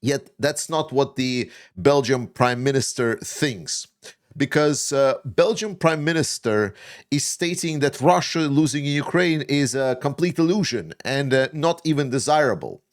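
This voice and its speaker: A man from Latvia, a native Latvian speaker, hosting opinionated news commentary in English, frank and sarcastic, with frequent pauses on "uh". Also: mid-range voice, lively intonation. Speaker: commentary channel host.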